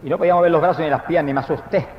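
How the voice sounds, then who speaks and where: A man with a high voice preaches his testimony fervently, now and then bursting into loud praise. He is heard in a church hall with a long, echoing reverb. The recording sounds dull and lo-fi, with faint noise behind it. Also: fairly even intonation, very fast. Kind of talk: testimony sermon.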